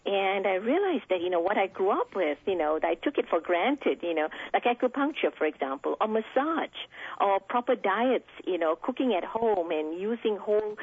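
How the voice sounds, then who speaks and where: A woman's voice: mid-range voice, slightly rough, dry recording. A woman physician from Singapore answering interview questions, explaining at length with many fillers and restarts. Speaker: physician guest. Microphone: telephone. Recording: tinny phone line.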